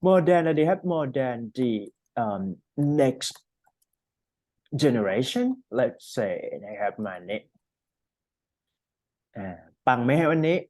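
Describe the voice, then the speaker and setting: A man's voice: medium pitch, expressive, drawn-out words, long pauses, a little mellow, dry recording. A man giving a casual one-on-one English lesson, explaining with fillers and frequent checks. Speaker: English tutor.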